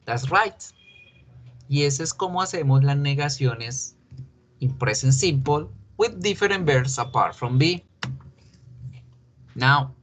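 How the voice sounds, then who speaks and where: A male English teacher explaining grammar patiently in a recorded online class, mixing English examples into his talk and asking and answering his own questions. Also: mid-range voice. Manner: asks and answers his own questions aloud, as a student would.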